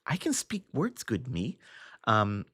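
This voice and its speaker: A young livestream host responds to his chat slowly, his mid-range voice sharp, slightly rough, and swooping wildly in pitch. He thinks out loud while reading viewer comments, restarting often and using lots of fillers. The studio-quality recording has no echo.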